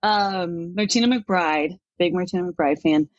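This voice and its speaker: A woman's voice: lowish voice, measured pace, no room sound, dull audio. A middle-aged woman from Denmark, a country music artist, chatting animatedly in an interview and laughing often. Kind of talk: casual interview talk.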